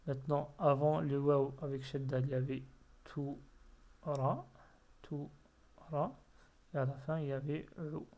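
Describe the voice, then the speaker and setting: Man teacher, slow and methodical, slightly high voice, patient repeats. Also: steady tone, mellow, lo-fi sound. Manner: patient, repeats words syllable by syllable. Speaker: Arabic reading teacher. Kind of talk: slow explanatory lesson.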